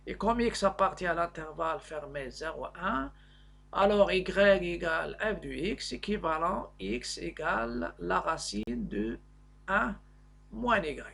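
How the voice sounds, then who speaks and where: A man teaching maths, working through an exercise step by step in a hesitant, halting way. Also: high voice, lively intonation, vocal fry, sharp tone. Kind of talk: explaining a worked maths lesson.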